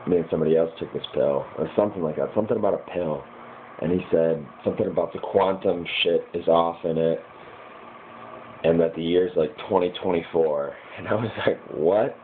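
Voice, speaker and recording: Low-pitched American male, casually piecing dreams together in a hazy, puzzled ramble, on a muffled lo-fi recording. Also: brisk. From United States, Michigan. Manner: hazy, puzzled, groping to remember. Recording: muffled lo-fi with clear background noise.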